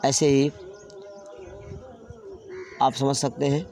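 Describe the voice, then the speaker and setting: A man teaching English grammar, slowly spelling out words letter by letter and repeating them. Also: medium pitch, level tone, mellow, a little hiss or hum. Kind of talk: classroom grammar lesson.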